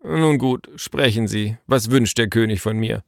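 Man doing a weary middle-aged detective dad, deadpan and slow, dry close mic. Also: fairly low pitch, vocal fry, no echo. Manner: dry, sardonic and unhurried.

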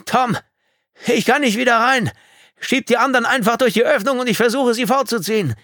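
Man voicing a strained, high-pitched crash survivor. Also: drawn-out words, dry recording, clean studio sound, exaggerated voice. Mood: shouting. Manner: urgent, strained, shouting. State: in pain. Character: injured panicked man, plane crash survivor.

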